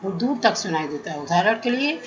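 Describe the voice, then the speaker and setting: A woman teaching a music theory class, explaining terms step by step in a measured lecture. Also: mid-range voice, very animated, dull audio.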